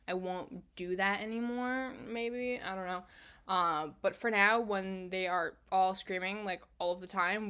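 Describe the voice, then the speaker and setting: A woman's voice: medium pitch, fairly bright tone. Rambling woman narrating her gameplay. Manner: rambling, scattered, often breaks off mid-sentence; chatty, fills pauses with "like" and "um". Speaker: gaming channel host. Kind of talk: casual gameplay commentary.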